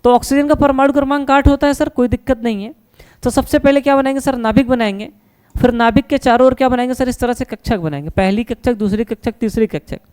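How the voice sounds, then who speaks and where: Smooth-voiced man teaching with quiz-and-answer patter. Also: very high-pitched, a little mellow. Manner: asks questions and answers them himself, calls listeners "beta" and "sir"; reassuring, repeats "no problem". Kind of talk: classroom science lesson at a board.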